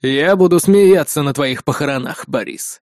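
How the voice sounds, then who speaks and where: A man's voice: a little high, moderate pace, darkish tone, no room sound, clean studio sound, natural voice. A man voicing a smug young blond actor who gloats and sneers through a melodramatic duel scene in an audiobook. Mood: gloating. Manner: gloating, theatrical.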